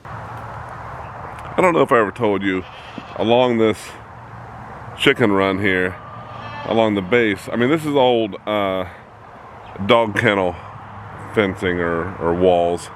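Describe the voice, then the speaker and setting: A man's voice: lowish voice, takes it slowly, pauses often, slight background noise. A middle-aged man, a hobby farmer, chatting and joking with viewers and his animals while standing outside by a fence. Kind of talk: casual vlog narration. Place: outdoors by a farm fence.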